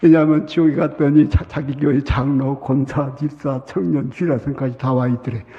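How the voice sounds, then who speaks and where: Pastor preaching in a sanctuary with a long reverb; dramatic, whispers to shouts, raspy edge. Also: male voice, medium pitch, fairly even intonation, normal speed. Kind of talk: sermon. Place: church sanctuary. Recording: muffled sound with long hall reverb.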